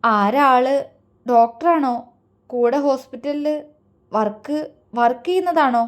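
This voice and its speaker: A timid young woman in love, her words breaking into stammers and halting starts, as a woman narrator puts her on. Her voice sits high in a storybook romance read aloud. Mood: tearful.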